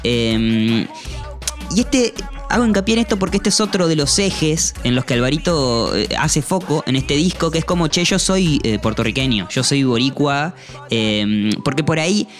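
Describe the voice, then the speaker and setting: A man co-hosting a casual music review chat, talking in a relaxed, chatty way with frequent fillers. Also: on the high side, moderate pace. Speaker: podcast co-host.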